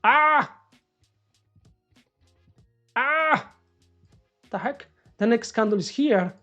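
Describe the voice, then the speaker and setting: Man, live-stream trading commentary, excitable, swears, faint background music. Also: very high voice, drawn-out words, dull audio. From Morocco. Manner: excitable, swears, shouts at the market. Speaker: day trader live-streaming.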